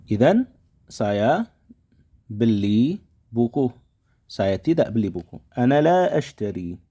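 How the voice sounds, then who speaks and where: A man's voice: medium pitch, very animated, takes it slowly, dark tone, husky. A man teaching a language lesson, patiently repeating words and explaining them to his viewers. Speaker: Arabic teacher.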